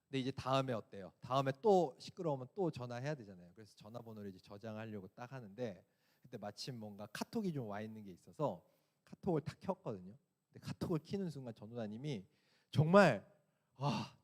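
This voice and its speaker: A man, an assistant pastor, giving a sermon to a teen youth group, telling a personal story and asking the listeners questions. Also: medium pitch.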